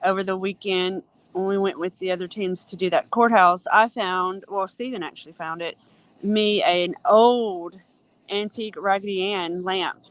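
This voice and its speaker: A woman from Tennessee with a Southern accent, chatting excitedly and laughing as a podcast guest. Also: mid-range voice, normal speed, no echo. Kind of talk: casual chat.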